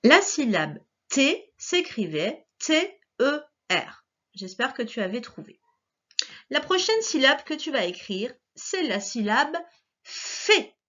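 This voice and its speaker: A woman teacher giving a patient, slow syllable dictation to a child, spelling out letters one by one and softly breathing out the sounds. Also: high voice, big pitch swings, dull audio.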